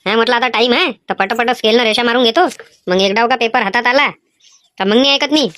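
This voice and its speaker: A woman's voice: fairly high pitch, fast, a bit bright, slight background noise, lightly acted. A woman voicing a cheeky schoolboy trying to cheat on an exam, pleading and whining in a Vidarbha Marathi accent. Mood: mischievous. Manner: whiny, pleading, mischievous. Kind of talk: animated cartoon voice acting.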